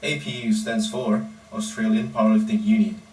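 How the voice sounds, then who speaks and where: A man, a powerlifting coach giving a measured, deliberate personal monologue in short phrases. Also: fairly low pitch, steady tone, a little mellow. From Indonesia. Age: 20s. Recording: roomy echo, distant mic, faint background noise.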